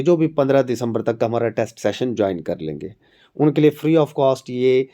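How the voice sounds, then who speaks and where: Speaking as an academy instructor, he shares exam and job news in a chatty, conversational way, addressing viewers directly. He has a Pakistani Urdu accent, a sore throat, and a warm, medium-pitched voice.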